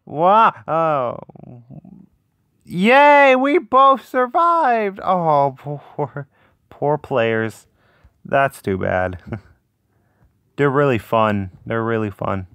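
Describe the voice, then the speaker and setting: A man hosting a gaming video with casual, excitable, reactive commentary, often repeating short phrases. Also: mid-range voice, drawn-out words, long pauses, no room sound.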